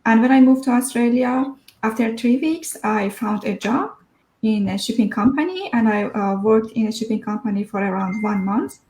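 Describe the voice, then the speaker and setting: A woman's voice: a little high, lively intonation, normal speed, darkish tone, echoey room, poor audio. A woman in her thirties from Iran, a guest telling her story over a video call, hesitant with many fillers. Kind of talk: online interview.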